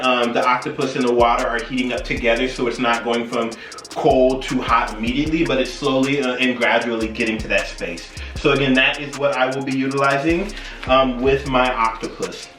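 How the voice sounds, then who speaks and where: A man's voice: medium pitch, a bit bright. A man chatting casually as host of a cooking video, tipsy and rambling, often losing his train of thought. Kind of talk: casual cooking vlog chat. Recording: roomy echo, distant mic, faint music.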